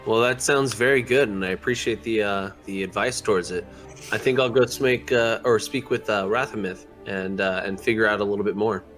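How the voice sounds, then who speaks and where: A man's voice: lowish voice, fairly even intonation, fairly quick, a bit bright, soft background music. A man speaking in character as a player in a tabletop role-playing game, hesitant and full of fillers.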